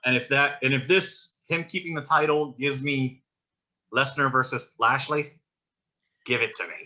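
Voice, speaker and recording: Male co-host, mid-range pitch, casual and blunt, exasperated tone. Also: steady tone, moderate pace, sharp tone. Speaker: podcast co-host. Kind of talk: casual chat about wrestling.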